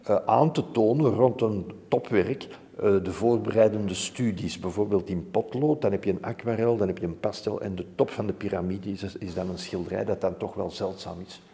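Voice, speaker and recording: In a museum room lined with framed art, a curator in his sixties with a Flemish accent answers interview questions informatively. He speaks at a moderate pace with few pauses, in a warm, creaky, lowish voice. The hollow space adds long reverb.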